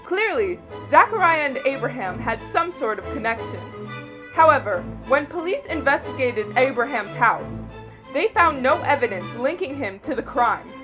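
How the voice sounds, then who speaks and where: A woman with a high, very animated voice at normal speed narrates and hosts a mock true crime series. She reads the scripted narration in a matter-of-fact storytelling way, with background music behind her voice.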